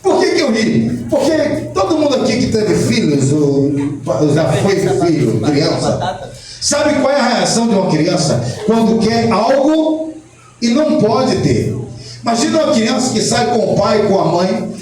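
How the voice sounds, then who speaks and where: A Brazilian pastor preaching a sermon with lively energy, swinging from quiet storytelling to shouted appeals and acting out the voices in his stories. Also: high-pitched, a little slow. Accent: Brazilian Portuguese. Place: church hall. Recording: echoey church hall, mic at a distance, music behind.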